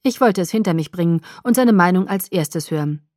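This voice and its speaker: A woman's voice: on the low side, animated, a little fast, darkish tone, no room sound. Woman narrating an audiobook, dry sound. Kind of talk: scripted first-person narration.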